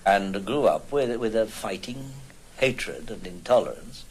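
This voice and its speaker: A man with a very low voice speaks slowly and carefully, in a measured way. Faint music plays underneath him. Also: animated, rough recording. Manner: measured, deliberate. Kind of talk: documentary interview.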